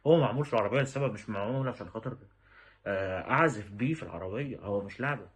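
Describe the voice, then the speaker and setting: A man's voice: lowish voice, very fast. A man with an Egyptian Arabic accent, talking straight to the listener in an exasperated, pleading rant. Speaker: vlogger. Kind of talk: direct-to-camera rant.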